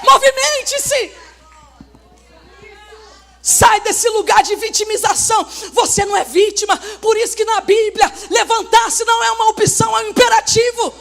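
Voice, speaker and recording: Woman pastor preaching hard at church, shouting, super high gravelly voice. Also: moderate pace, faint music behind. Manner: fervent, exhorting, often shouting. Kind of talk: sermon. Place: church service.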